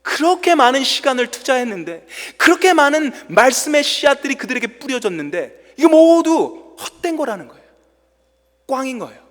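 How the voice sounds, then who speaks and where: A male pastor's sermon rings through a church hall, where long reverb follows each phrase. His high, fairly bright voice has a sing-song quality, swinging widely in pitch at a normal speed as he dramatically tells the story.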